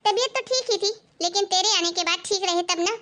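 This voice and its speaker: A woman voicing a stern but caring middle-aged mother in an animated family story, who lectures and scolds. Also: very high voice, brisk. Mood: scolding. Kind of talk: animated cartoon voice acting.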